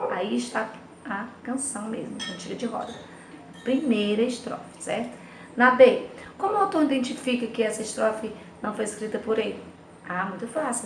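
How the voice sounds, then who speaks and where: A woman's voice: a little high, vocal fry, roomy sound, background noise. A woman teacher with a Brazilian Portuguese accent, going through a lesson for her class and singing bits of nursery rhymes between the explanations. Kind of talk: recorded remote class lesson.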